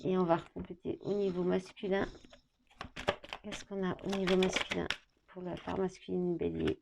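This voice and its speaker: A woman giving a tarot reading to camera, thinking out loud as she reads the card words and dropping in small fillers. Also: on the low side, flat delivery, moderate pace, creaky, noisy background.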